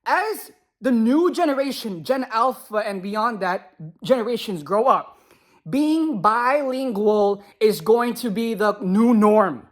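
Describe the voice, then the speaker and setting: A woman's voice: fairly high pitch, animated, slow pace. A woman who speaks Khmer alongside English, delivering an impassioned, preachy monologue to viewers with emphatic repetition.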